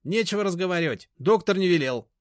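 A man voicing a shrill, brash, stout middle-aged woman who shrieks rudely and indignantly. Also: animated, fast talker, no room sound, studio quality. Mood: hostile.

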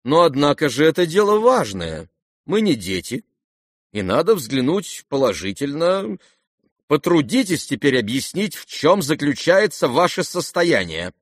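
A man's voice: fairly high pitch, very animated, a little slow, no room sound, studio quality, pitched above the performer's own voice. A man voicing a headstrong, proud young noblewoman in an audiobook who talks with cool sarcasm. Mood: mocking.

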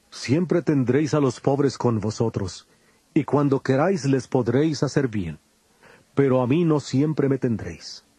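A man playing Jesus in a dramatized scripture recording, a solemn and authoritative teacher with measured delivery. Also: mid-range voice, warm tone, slightly rough, no echo. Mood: firm, gentle. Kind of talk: dramatized scripture audio acting.

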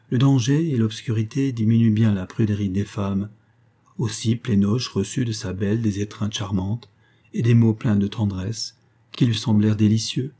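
Male audiobook narrator, measured and steady; low, husky voice. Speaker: audiobook reader. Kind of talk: scripted narration.

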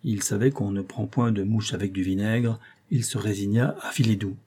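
A man reads a novel aloud with measured, expressive storytelling. His voice is dark and mellow, with a husky edge. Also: lowish voice. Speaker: audiobook reader. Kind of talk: scripted narration of a novel.

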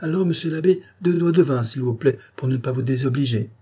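A man's voice: medium pitch, brisk, dark tone, husky, voice pushed up, lightly acted. A man voicing a miserly, pious old spinster aunt who protests in a plaintive, whining way.

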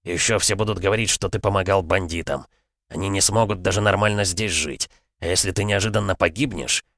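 A man voicing a cynical middle-aged police chief who scolds sternly and coaxes with false gentleness. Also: low voice, a little fast. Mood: scolding.

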